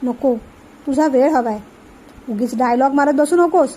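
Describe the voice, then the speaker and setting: A woman's voice: high voice, unhurried, mellow, slight background noise. A woman reading the part of a stern, angry middle-aged uncle who scolds impatiently. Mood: scolding.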